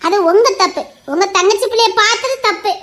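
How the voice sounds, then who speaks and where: Lady doing a protective mom in an audio drama, super high and bright, keeps defending her son. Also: a little fast. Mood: defensive. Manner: pleading, reasoning and defensive.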